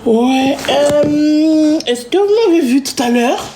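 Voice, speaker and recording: A woman's voice: sits high, expressive, slow pace, dark tone, far from the mic. A woman chatting casually on a live stream from her home kitchen, playful and chatty, often singing to herself. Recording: echoey room with background noise.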